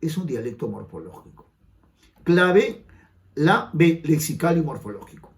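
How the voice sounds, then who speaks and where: A man's voice: fairly high pitch, big pitch swings, unhurried. A Peruvian man with a Peruvian Spanish accent, teaching a grammar lesson for an admission exam and asking the viewers rhetorical questions. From Peru. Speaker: language teacher.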